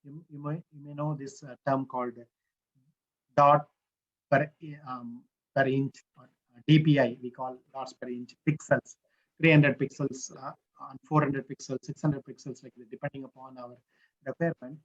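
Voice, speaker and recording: A man teaching an online coding workshop in a halting way with many fillers, his voice cutting in and out over a video call. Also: mid-range voice, little pitch movement. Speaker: workshop instructor. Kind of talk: live online coding lesson. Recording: dull lo-fi video call audio.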